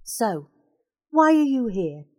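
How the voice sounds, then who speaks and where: A woman narrator voicing a sad young woman in a church, speaking softly and gently. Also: fairly high pitch, very animated, slow, no echo, clean studio sound, pitched above the performer's own voice, heavily acted. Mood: gentle. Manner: soft, gentle and melodious.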